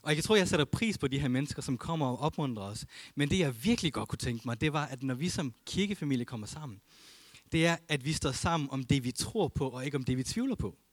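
A man's voice: medium pitch, lively intonation, dry recording. Earnest male pastor preaching. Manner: earnest, swings between emphatic and hushed; reads scripture aloud. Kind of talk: sermon.

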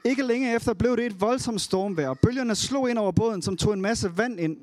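A man preaching a sermon in a conversational way, retelling a Bible story with lively storytelling. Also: high voice.

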